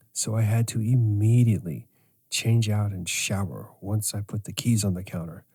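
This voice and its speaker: A middle-aged man hosting a podcast as a sleep coach, speaking in a slow, measured way. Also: lowish voice, creaky, mellow, husky. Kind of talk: scripted podcast monologue.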